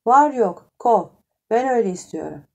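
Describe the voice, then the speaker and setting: A woman playing a demanding sharp-tongued wife. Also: fairly high pitch, animated, moderate pace, vocal fry. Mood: insistent. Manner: insistent, scolding.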